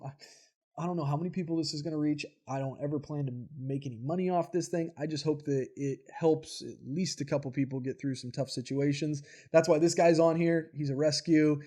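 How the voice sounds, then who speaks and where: Mellow-voiced man hosting a podcast. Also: medium pitch. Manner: earnest, casual, swears freely. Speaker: podcast host. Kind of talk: casual interview chat.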